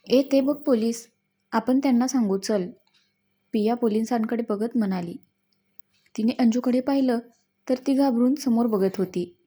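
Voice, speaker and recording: A woman's voice: fairly high pitch, warm tone. A woman reading a story aloud as scripted narration, voicing the characters' lines in her own voice.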